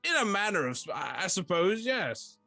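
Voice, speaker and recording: Man plays a lonely talking fortress, male, shy and formally polite, pitched higher than his own voice, lively tone. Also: moderate pace, gravelly, no echo, soft background music, heavily acted. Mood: wistful. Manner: politely formal and old-fashioned.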